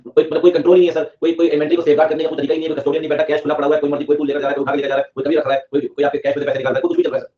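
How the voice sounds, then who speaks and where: A man's voice: a little high, level tone, racing, mellow. A man teaching exam students in a live online class, mixing Hindi and English, joking with the class and repeating key points. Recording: dull lo-fi audio.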